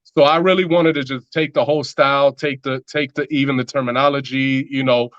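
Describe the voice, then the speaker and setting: A man's voice: medium pitch, steady tone, fairly quick, fairly bright tone, no echo, lo-fi sound. A man talking as a musician guest in a casual interview, loose and rambling with lots of filler words.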